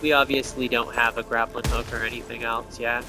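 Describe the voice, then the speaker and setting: Over music, a gamer hosts his gameplay video with casual commentary, musing aloud and guessing at what comes next. His medium-pitched voice stays level and moves a little fast.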